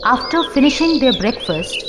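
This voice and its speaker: A woman storyteller narrates a scripted horror story for an audio drama, her high-pitched voice animated and at a moderate pace. The background is noisy with music and birdsong, and the sound is echoey, with long reverb under the music.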